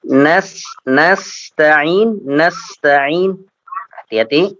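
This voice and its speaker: A man with an Indonesian accent teaching Quran recitation, patiently correcting pronunciation letter by letter and chanting verses slowly as models. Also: on the high side, a bit bright, no echo, muffled recording. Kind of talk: tajwid lesson with slow model recitation.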